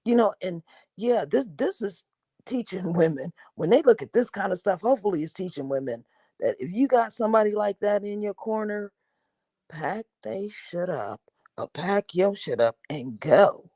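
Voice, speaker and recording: A woman's voice: mid-range voice, expressive, normal speed, mellow, slightly rough, no room sound, studio quality. A woman on a reality TV review panel, talking candidly and often saying "you know". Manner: candid, drops into quoted asides, frequent "you know". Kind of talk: casual reality TV review chat.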